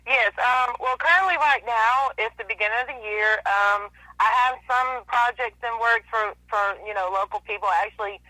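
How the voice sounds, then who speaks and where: Woman artist phone guest, very bright tense voice, chatty, filler-heavy. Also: on the high side, normal speed, hardly any pauses, dry recording, rough recording. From East Alabama / West Georgia. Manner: chatty, full of "you know" fillers. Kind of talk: phone interview. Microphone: telephone.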